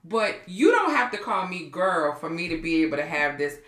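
A woman hosting a podcast in casual chat, talking emphatically in quick short bursts. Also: fairly low pitch, expressive, fairly bright tone. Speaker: podcast host. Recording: echoey room.

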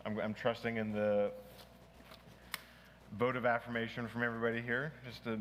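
A man's voice: medium pitch, flat delivery, moderate pace, a bit bright. A male pastor teaching a small church group in an informal, conversational way, with restarts, asides and questions to the group. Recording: long hall reverb, faint noise.

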